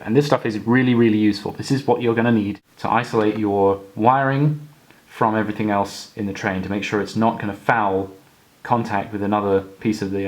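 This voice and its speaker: Relaxed man explaining a hobby tutorial. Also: on the low side. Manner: relaxed, explanatory with frequent fillers and restarts. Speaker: model railway hobbyist tutor. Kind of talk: casual demonstration tutorial.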